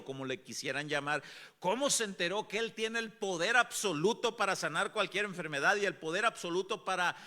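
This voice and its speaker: A man's voice: on the high side, pushed and bright. A man preaching a sermon as pastor, dramatizing scripture and putting questions to the congregation. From Mexico.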